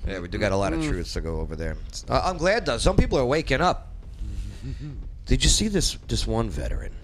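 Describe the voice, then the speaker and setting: A man's voice: medium pitch, sing-song, brisk, background noise. A man hosting a live talk show from a studio with casual, informal, punchy banter. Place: radio studio.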